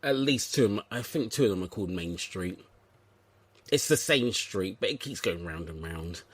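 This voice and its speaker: A man's voice: low voice, animated, moderate pace, husky, dry recording. A man from England hosting a comedic podcast, chatting in a playful, rambling and self-mocking way. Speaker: podcast host. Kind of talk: comedic casual chat.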